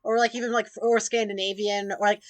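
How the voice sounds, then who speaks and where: A woman's voice: mid-range voice, little pitch movement, brisk, no echo. A woman co-hosting a podcast, chatting in a rambling way with lots of filler words and laughter. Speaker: podcast co-host. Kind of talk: casual chat.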